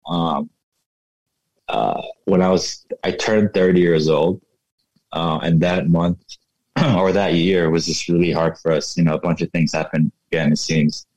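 A man in his thirties, raised in the United States, talking casually as a guest in an interview, relaxed and reflective with lots of "you know". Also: low voice, unhurried, no echo, poor audio. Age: 30s. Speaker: guest, fashion entrepreneur.

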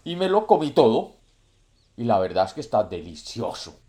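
A man voicing a greedy, envious male puma who speaks low and soft in a storybook tale. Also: sing-song, normal speed, lightly acted.

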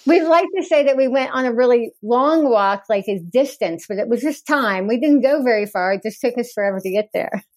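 A woman's voice: a little high, animated, fairly quick, few pauses, a little mellow, dry recording. Frank, wry woman guest, dry mic. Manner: frank, wry humor, laughs easily. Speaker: guest author. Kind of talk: candid podcast interview.

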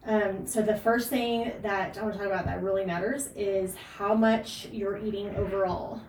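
A woman's voice: mid-range voice, steady tone, moderate pace, a little mellow, echoey room. Woman fitness podcast host, emphatic and earnest, distant mic with faint noise. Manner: emphatic, earnest, frequent fillers and laughs. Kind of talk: casual podcast advice.

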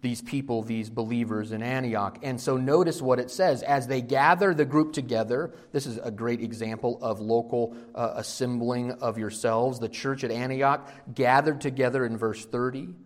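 A male pastor preaching a sermon, addressing his congregation with questions and moving between quiet explanation and emphatic, rising passages. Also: medium pitch, fairly even intonation, moderate pace, few pauses.

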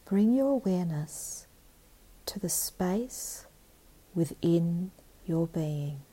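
Calm, very slow meditative woman, soft-voiced. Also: fairly low pitch, slightly rough, low-quality recording. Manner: calm, meditative tone with long pauses. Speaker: meditation guide. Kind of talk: guided meditation narration.

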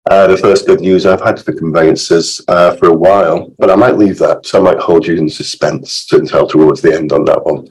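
A man with a croaky voice, hoarse from illness, explaining informally as a podcast guest expert with chatty, wry asides. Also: low-pitched, fairly even intonation, normal speed, few pauses, a little mellow, rough recording.

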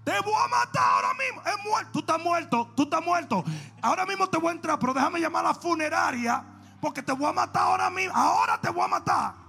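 A male preacher acting out a furious grown man who yells death threats in a sermon story. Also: very high-pitched, lively intonation, quick pace, gravelly, slight background noise, pitched above the performer's own voice, exaggerated voice. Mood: enraged. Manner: yelling, raging.

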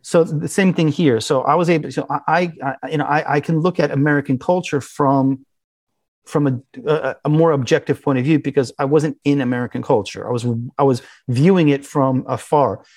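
A man as an interview guest, talking in a halting, conversational way with many restarts and fillers. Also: a little high, fairly even intonation, a little mellow, dry recording. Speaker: interview guest, business owner.

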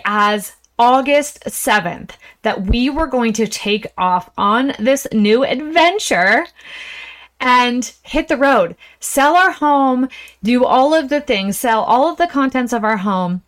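A woman hosting a motivational podcast from inside an RV, talking in an animated, exclamatory, chatty way with folksy y'alls. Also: on the high side, slow pace. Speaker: podcast host. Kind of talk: enthusiastic casual motivational monologue.

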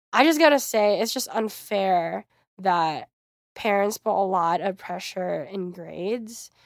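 A young woman hosting her podcast, telling a personal story in a chatty, animated way. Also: medium pitch, no echo, clean studio sound. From United States. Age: young adult. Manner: chatty, frequent "like", animated quoting. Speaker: podcast host. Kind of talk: casual storytelling monologue.

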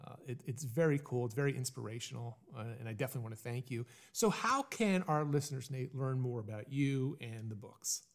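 A man's voice: mid-range voice, lively intonation, brisk, few pauses. Upbeat male podcast host. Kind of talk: podcast interview.

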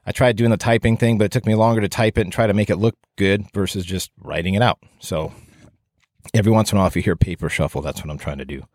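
A man's voice: lowish voice, fast talker, darkish tone, no room sound. A man giving an informal, rambling solo podcast talk in a plain-spoken, self-deprecating way, with audible breaths into a close microphone. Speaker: podcast host and firefighting instructor.

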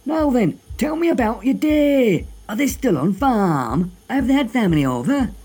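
Guy doing northern radio host bob, husky, really animated, folksy comedy patter. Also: very high-pitched, normal speed, heavily acted. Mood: jovial. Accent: Northern English. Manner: folksy, droll, exclamatory. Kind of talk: comic radio monologue and phone-in.

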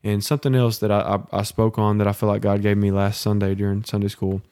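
A man's voice: fairly low pitch, little pitch movement, fast talker, mellow, clean tone, no echo, clean studio sound. A man co-hosting a faith podcast, teaching in a preacherly way, counting off his points and asking for an amen. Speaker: podcast co-host.

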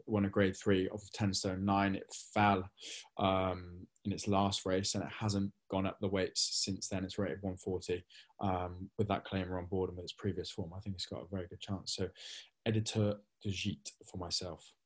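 A young man co-hosting a racing tips podcast, relaxed and thinking aloud with frequent ums. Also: sits low, normal speed. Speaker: racing tipster co-host. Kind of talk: casual podcast chat.

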